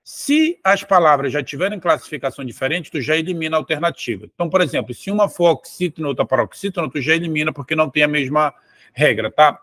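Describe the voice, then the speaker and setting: A man's voice: fairly high pitch, lively intonation, quick pace, fairly bright tone, no echo, clean studio sound. A man teaching Portuguese for an exam, explaining step by step and drawing words out syllable by syllable. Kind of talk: exam-prep lesson.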